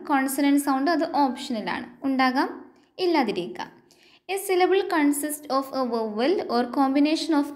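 Slow, high-voiced Malayali woman teacher. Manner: slow English definitions dictated, then explained; asks the viewer check questions. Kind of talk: exam-prep lecture mixing Malayalam and English.

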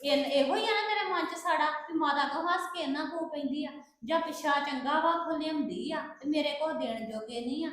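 Bright-voiced haughty woman, echoey. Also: high-pitched, fairly quick. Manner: haughty, retorting. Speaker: younger daughter-in-law in a family drama. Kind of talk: scripted family drama acting.

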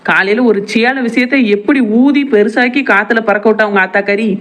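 A bold young village wife from a homemade cartoon, as a woman plays her. Her voice is slightly high and she talks fast. She needles her husband with sarcastic jabs. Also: a bit bright, natural voice. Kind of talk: cartoon voice acting.

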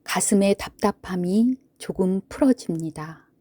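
A woman gently narrating a sleep meditation in a soothing, hushed manner, with long pauses between phrases. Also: mid-range voice, lively intonation, dry recording. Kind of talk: sleep story narration, guided Buddhist relaxation.

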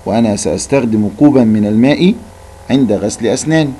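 A male teacher reading a father's lines in a measured, clear way for a class. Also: lowish voice, mellow. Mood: approving. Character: father in a school reading, approving adult man.

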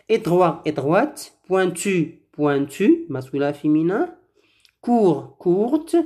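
A woman's voice: fairly low pitch, dark tone. A woman teaching a French grammar lesson, patiently asking and answering drill questions and repeating words for pronunciation.

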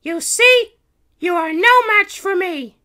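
A man's voice: very high-pitched, takes it slowly, bright, forceful tone, pitched above the performer's own voice, heavily acted. A man voicing a young heroic cat princess in a storybook, proud, defiant and declaiming. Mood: taunting, bold. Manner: theatrical, declaiming.

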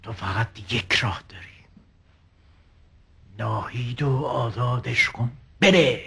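An actor playing a pushy male psychiatrist who keeps pressing his patient with insistent, coaxing questions, in a raspy voice. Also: mid-range voice, sharp tone, full character voice. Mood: probing.

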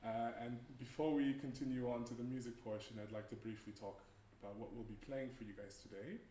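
A man's voice: medium pitch, steady tone, fairly quick, mellow. A young man from Canada introducing the program at a concert, friendly and hesitant with many fillers. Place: church hall. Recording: roomy church echo, faint noise.

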